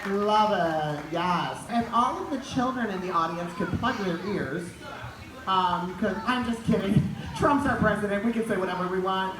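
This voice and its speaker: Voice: mid-range voice, normal speed. A sassy, bawdy drag queen hosting a stage show with theatrical banter to a live audience. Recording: echoey live venue with crowd and music.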